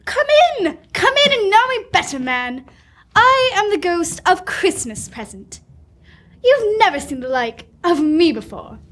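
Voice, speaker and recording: Teen girl as a big commanding christmas ghost, high voice, radio play. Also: very animated, unhurried, a bit bright, exaggerated voice. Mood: hearty, commanding. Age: teens. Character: jolly giant Ghost of Christmas Present, commanding. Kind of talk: old-time radio drama acting.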